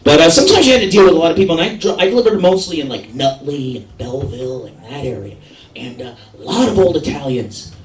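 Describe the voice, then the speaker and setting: Brief: male stand-up comic, animated and profane, slightly high voice, distant roomy recording of a live show. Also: fast, crowd noise. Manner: swearing, animated storytelling with acted-out voices. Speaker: stand-up comedian. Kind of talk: stand-up comedy set. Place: veterans hall comedy show with live audience. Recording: echoey hall recorded from a distance. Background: audience laughing.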